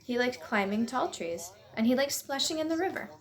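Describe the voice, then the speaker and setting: A woman reading a children's picture book aloud at home, in a gentle, lively read-aloud voice. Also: high-pitched, fairly quick. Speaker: storyteller. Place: at home on a couch.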